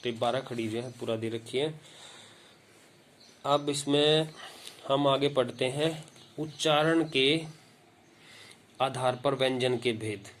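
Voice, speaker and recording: A man teaching Hindi grammar in a lesson, speaking slowly and deliberately and repeating example words aloud to show how they are pronounced. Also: medium pitch, a bit bright, a little hiss or hum. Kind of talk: classroom-style grammar lesson.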